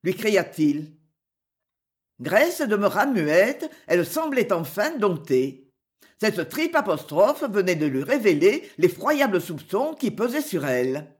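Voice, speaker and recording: A narrator reading a classic novel aloud in a slow, expressive storytelling manner. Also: medium pitch. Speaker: audiobook narrator. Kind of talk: scripted literary narration.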